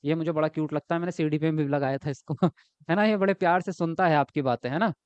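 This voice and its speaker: Guy teaching a live online class, highish smooth voice, keeps going "right?", kinda dull dry lo-fi sound. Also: quick pace, a little mellow, no room sound. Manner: chatty, keeps asking "right?" and answers chat comments. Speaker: exam prep teacher.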